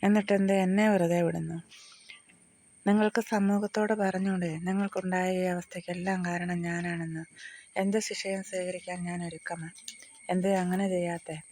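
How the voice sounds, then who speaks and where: Give the audiobook reader's take on a guilt-stricken man, low-key and gravelly. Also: little pitch movement, normal speed, a little mellow. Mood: remorseful. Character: remorseful man who wronged a woman. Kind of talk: audiobook reading of a novel.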